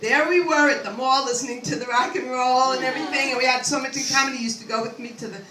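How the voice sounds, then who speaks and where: An older woman with a high voice and fairly even intonation talks at a quick pace through a rambling comedy club set. She is self-deprecating and full of asides to the audience. The recording is echoey, with a distant mic and faint ambience.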